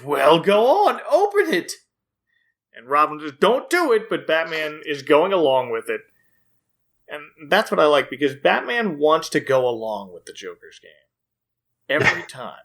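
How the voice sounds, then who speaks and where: A man hosting a podcast casually recaps an episode, sounding enthusiastic and amused and laughing often as he talks. His voice is a little high, pushed and bright.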